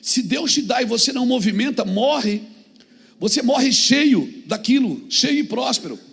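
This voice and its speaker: A male pastor preaching a sermon. He moves from calm talk to fervent shouts and calls out to the congregation. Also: very high voice, a little slow, gravelly, husky.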